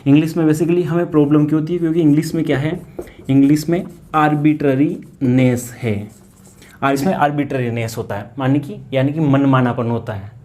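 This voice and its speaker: A man's voice: on the high side, fairly even intonation, fairly quick, a little mellow. A man with an Indian accent teaching English grammar in a lesson, asking questions and answering them himself and repeating key words. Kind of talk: classroom-style grammar lesson.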